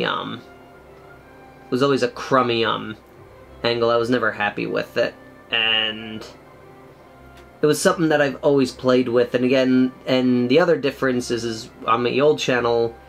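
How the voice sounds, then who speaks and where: A young man hosts a miniature painting channel, talking casually through painting a miniature in a small room at home. His mid-range voice is loud and projected with vocal fry, and his chatty, rambling tutorial commentary is full of fillers.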